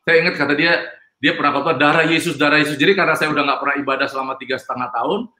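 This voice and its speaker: A man's voice: medium pitch, racing, sharp tone. Rambling man. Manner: rambling, emphatic, frequent fillers. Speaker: guest. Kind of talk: personal testimony storytelling. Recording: echoey room.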